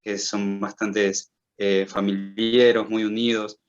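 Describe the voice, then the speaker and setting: A man's voice: on the low side, level tone, slow pace. A man interviewing, asking a long, hesitant question with fillers. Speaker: interviewer, illustrator. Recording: muffled lo-fi recording.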